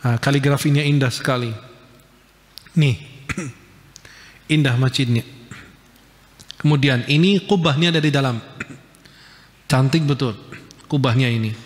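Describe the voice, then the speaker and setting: A man preaching a casual religious lecture, lively and jokey, pointing at pictures as he talks. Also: mid-range voice, measured pace, pauses often, big-room sound. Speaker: Islamic preacher.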